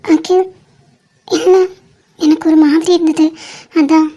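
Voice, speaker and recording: A woman voicing a lovesick young woman in an animated cartoon, speaking in a worried, hesitant way. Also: very high-pitched, slow. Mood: upset. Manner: worried, hesitant, tearful pleading.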